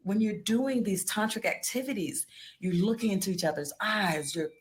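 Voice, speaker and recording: A New York-born American woman, a tantric therapist and psychotherapist, appears as a guest in a casual interview, telling personal stories and expressively acting out reactions. Her medium-pitched voice is expressive and moderately paced.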